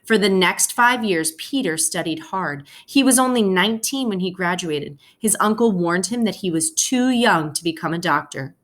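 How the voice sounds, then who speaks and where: As storybook narrator, a teacher reads aloud to a young audience, choosing her phrasing with care and pausing along the way. She speaks at a fairly low pitch, expressively, with a fairly bright tone.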